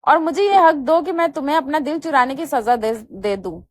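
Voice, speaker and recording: A woman reading the lines of a remorseful young man begging forgiveness, softly pleading. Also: high voice, expressive.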